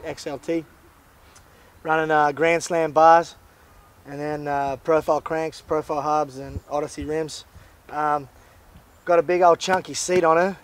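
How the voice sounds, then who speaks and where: A young man with an Australasian accent, chatting casually in a slangy, laid-back way as a BMX rider. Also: fairly high pitch. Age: young adult. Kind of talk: casual bike-check talk. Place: outdoors by a stone wall and tree. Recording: outdoor ambient noise.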